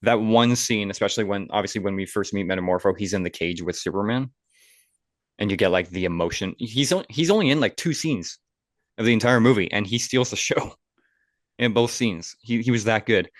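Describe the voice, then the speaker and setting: Man, podcast co-host, casual movie chat, low voice, dry close sound. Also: a little fast, no room sound. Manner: enthusiastic, rambling, filler-heavy. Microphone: podcast microphone.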